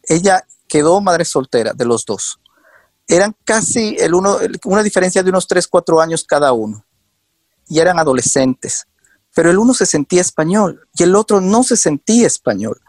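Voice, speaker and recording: A man's voice: high-pitched, lively intonation, moderate pace, no room sound. A man guest telling earnest stories in an interview, with frequent hesitations and restarts. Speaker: guest, documentary show maker. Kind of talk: conversational storytelling.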